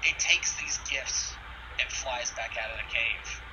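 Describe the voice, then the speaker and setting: Man, game master, tabletop narration, casual asides, medium pitch, far from the mic, noisy background. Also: measured pace, lo-fi sound. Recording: distant mic with clear background noise.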